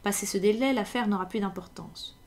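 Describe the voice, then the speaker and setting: A woman's voice: medium pitch, brisk, darkish tone, natural voice. A woman reading aloud in French, voicing a stern, secretive nobleman in a formal tone, in her own plain voice. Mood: grave. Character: imposing, secretive masked nobleman, stern and grave.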